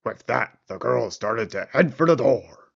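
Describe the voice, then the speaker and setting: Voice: medium pitch, animated, a little slow, gravelly, breathy edge, no echo. A storyteller giving a theatrical, wry comic narration of a fairy tale on a dull lo-fi recording.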